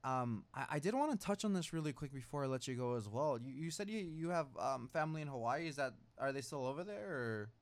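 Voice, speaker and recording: A young man interviews a guest in a relaxed chat. His speech is halting and full of "like." He keeps stopping and restarting his sentences. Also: medium pitch. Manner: halting, frequent "like" and "mm-hmm". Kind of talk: casual interview.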